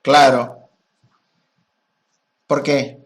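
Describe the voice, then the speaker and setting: A man, a spiritual teacher answering questions in a calm, explanatory way and chanting mantras with drawn-out vowels. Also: mid-range voice. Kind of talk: gnostic teaching talk.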